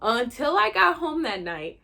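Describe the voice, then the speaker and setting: Bright, animated young woman vlogger. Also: high-pitched, a little slow, gravelly. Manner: animated, frank and profane. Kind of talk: casual storytelling to camera.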